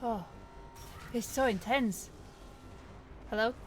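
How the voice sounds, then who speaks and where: Excitable Mancunian woman gaming. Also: on the high side, takes it slowly, a little hiss or hum. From Manchester, England. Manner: excitable, loud outbursts and swearing. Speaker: streamer. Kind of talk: casual game commentary.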